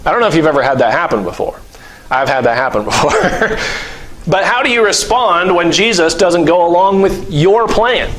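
High-voiced man preaching conversationally. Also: moderate pace, rough recording. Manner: acts out scenes with lively voices and laughs; conversational, uses many fillers. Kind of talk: sermon.

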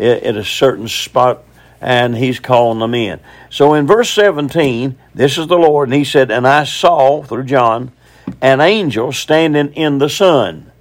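A man preaching a teaching sermon on scripture, folksy and conversational, often asking his listeners questions. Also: mid-range voice.

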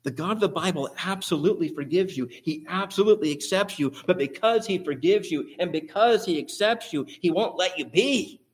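High-voiced man preaching emphatically. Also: expressive, brisk, few pauses. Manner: emphatic, repetitive rhetoric. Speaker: pastor. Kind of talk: sermon.

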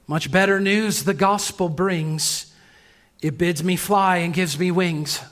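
A man preaching a sermon as pastor in a church, earnest, moving between brisk passages and slow, emphatic lines. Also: sits high, a bit bright.

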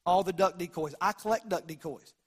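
A man's voice: high voice, fairly quick. A man with a Southern US accent preaching in a folksy, down-home storytelling style, with a drawl and acted-out bits of dialogue. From American South. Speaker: pastor preaching.

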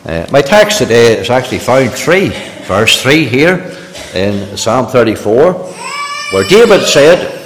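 A man's voice: mid-range voice, big pitch swings, measured pace, a little hiss or hum. A male pastor giving a sermon to a congregation, earnest and rising to emphatic preaching. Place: church sanctuary. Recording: long church reverb.

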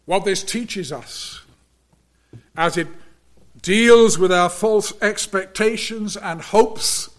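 A man preaching a sermon in an earnest, emphatic way, often dropping suddenly to a hush. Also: high voice, slow.

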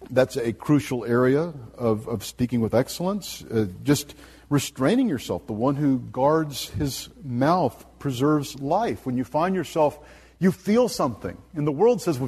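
A man's voice: medium pitch, darkish tone, breathy edge, long reverb tail. A man preaching a sermon in an earnest, emphatic way, often quoting scripture.

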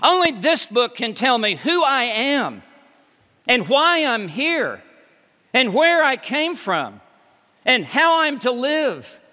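A man's voice: very high voice, big pitch swings, slow pace, bright, forceful tone. A male pastor preaching a sermon from the pulpit, emphatic and repeating words for force. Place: church sanctuary. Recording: reverberant hall.

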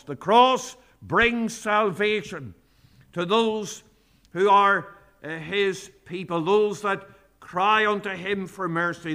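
A man preaching a sermon as pastor, speaking in slow, earnest phrases that rise on each point, and reading out old-style scripture. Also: high voice, sharp tone. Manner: quotes King James scripture aloud.

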